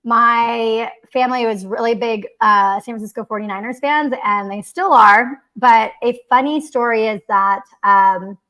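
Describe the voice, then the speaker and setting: A woman's voice: fairly high pitch, a little slow, hardly any pauses, bright, forceful tone. A young woman hosting a casual livestream chat, rambling and giggly with lots of fillers. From Mexico City, raised in the Bay Area. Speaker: podcast host.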